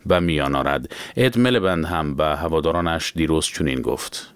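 A man reading the news in a measured, formal way. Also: rumbling low, smooth, dry recording. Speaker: newsreader. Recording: dry studio sound.

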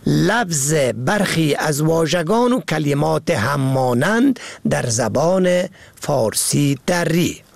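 A man presenting a scripted radio language lesson, slowly spelling out words letter by letter. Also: fairly high pitch, vocal fry, no room sound. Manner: slow, careful spelling out of words.

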